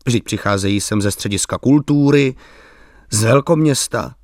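A man's voice: mid-range voice, no echo, studio quality, close to an everyday voice. A man voicing a bitter, ironic, middle-aged village intellectual who speaks politely but with an edge.

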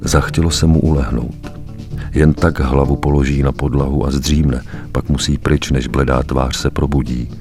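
A man reading a story aloud as a narrator, grave and measured, with weighty pauses. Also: a bass voice, steady tone, over music. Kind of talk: dramatic audiobook narration.

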